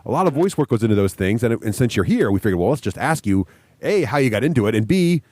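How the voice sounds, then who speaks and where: Enthusiastic guy hosting a podcast, super chatty, mid pitch, dry close audio. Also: very animated, fast talker, a little mellow, dry recording. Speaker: podcast host. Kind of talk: casual podcast chat.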